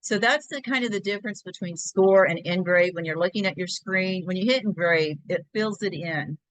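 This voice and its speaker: A woman's voice: lowish voice, normal speed, rough recording. A woman hosting a crafting tutorial, talking step by step through a screen-share in a chatty, think-aloud way.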